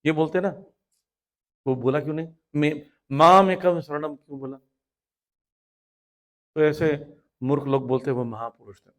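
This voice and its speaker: A man's voice: mid-range voice, moderate pace, long pauses. A man teaching a Hindi spiritual lecture, telling stories, acting out voices and chanting Sanskrit verses. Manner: acts out quoted voices, animated storytelling.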